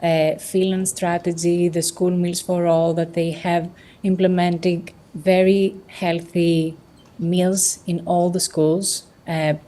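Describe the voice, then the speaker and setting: A woman's voice: on the low side, little pitch movement, takes it slowly, mellow. A woman from Greece speaking earnestly on a panel about patients' needs. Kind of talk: panel discussion.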